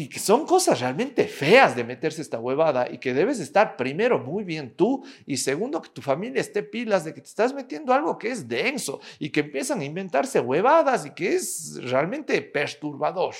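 A man, candidly telling personal stories and swearing often. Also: on the high side. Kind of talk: personal storytelling monologue.

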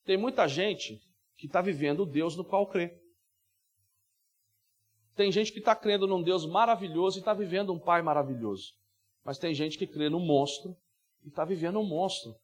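An animated male guest preacher delivering a sermon. He speaks in a notably high register and keeps acting out little scenes. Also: moderate pace, long pauses. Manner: animated, with many acted-out voices. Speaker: guest preacher and worship minister.

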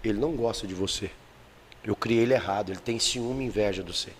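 A man voicing his sick, aging adoptive father, speaking quietly and pleadingly. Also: fairly low pitch, fast talker, husky, big-room sound, voice pushed down. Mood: remorseful, quiet.

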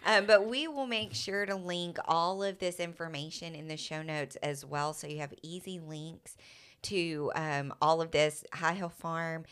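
A woman's voice: low-pitched, fairly even intonation, measured pace, a bit bright, smooth. A woman co-hosting a casual podcast, upbeat and promotional. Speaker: podcast co-host. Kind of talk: casual chat.

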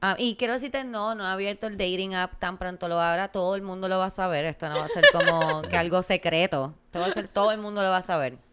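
A woman's voice: mid-range voice, fast talker, hardly any pauses, heavy background noise. A woman with a Puerto Rican accent hosting a casual podcast chat, laughing often as she reads listener messages aloud. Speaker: podcast host.

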